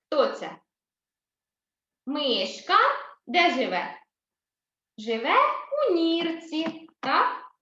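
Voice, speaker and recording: A woman teacher giving a recorded reading lesson to young children, speaking slowly and clearly and repeating herself for them. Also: high-pitched, very animated, a bit bright, echoey room, muffled recording. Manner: slow, clear and repetitive, addressing children. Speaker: primary school teacher.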